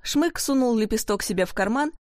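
A woman narrating a children's storybook in a lively, expressive way. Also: on the high side, a little fast, dry recording, clean studio sound.

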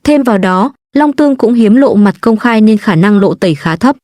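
Female audiobook narrator, steady and even, dry studio sound. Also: mid-range voice, moderate pace, no room sound. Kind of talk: storybook narration.

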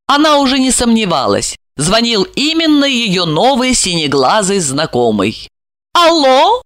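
A woman narrating an audiobook in an expressive storytelling manner. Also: on the low side, no room sound, clean studio sound. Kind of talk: scripted narration.

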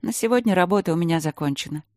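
A woman reading an audiobook voices a queen, a tired older sister who speaks warmly but anxiously. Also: lowish voice, very fast, no echo, clean studio sound, natural voice. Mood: weary.

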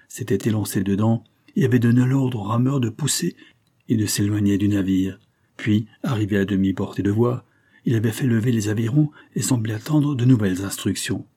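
A man narrating an audiobook of a classic novel in a measured, dramatic way. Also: lowish voice, mellow, slightly rough.

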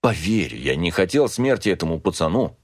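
A man's voice: low voice, sing-song, normal speed, dry recording, clean studio sound, heavily acted. Man voicing an anguished pleading father. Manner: emotional, pleading, rising to anguished exclamations. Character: grief-stricken middle-aged father pleading with son. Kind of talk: audiobook character reading.

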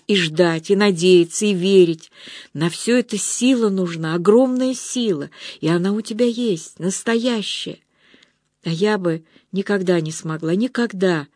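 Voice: mid-range voice, darkish tone, no room sound, studio quality, close to an everyday voice. A reader voicing a tearful, guilt-ridden young woman. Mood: confessing. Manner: tearful, pleading. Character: distraught young woman full of guilt and envy. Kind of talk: audiobook reading.

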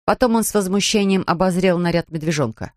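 A man reading a children's storybook aloud in a calm, measured way. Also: high voice, no room sound, studio quality. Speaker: narrator. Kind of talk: audiobook narration.

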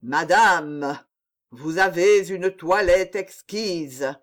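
Pompous brooding poet, solemn and declamatory, slow delivery, voiced by an audiobook reader. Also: medium pitch, very animated. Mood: declaiming. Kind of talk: audiobook character voice.

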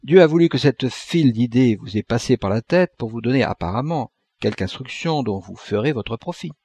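A man reading an audiobook, voicing a calm good genie and valet who explains things patiently and deferentially. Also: medium pitch, a little fast, husky, dry recording. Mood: reasoning.

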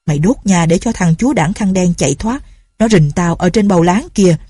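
A woman reading a story aloud, voicing a quick-tempered older male village official who barks orders and accusations. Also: on the low side, animated, slightly rough, dry recording, studio quality. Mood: accusing. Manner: shouting, commanding.

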